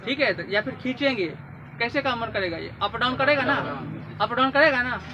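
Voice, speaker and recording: Man, classroom lecture, very high pitch, asks and repeats answers. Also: normal speed, highs cut off, background noise. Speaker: teacher.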